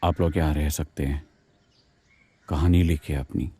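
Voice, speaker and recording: A calm, kindly village man in a cartoon, voiced by a man. His voice is low and husky, and he explains things steadily. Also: measured pace, exaggerated voice. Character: kind older village man who helps people.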